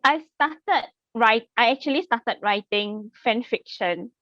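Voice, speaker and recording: Singaporean girl in her 20s chatting on a podcast, kinda high voice, lots of ums and giggles. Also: unhurried, bright, forceful tone, dry recording, lo-fi sound. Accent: Singaporean English. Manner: chatty, laughs often, hesitant fillers. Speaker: guest. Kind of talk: casual podcast chat.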